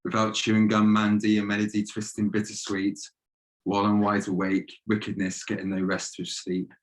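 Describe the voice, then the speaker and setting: A young man reads his own poems on a video call, his voice sitting low and staying flat. His delivery is measured and steady and leans on repeated refrains. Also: rough recording. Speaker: guest poet. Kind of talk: poetry reading.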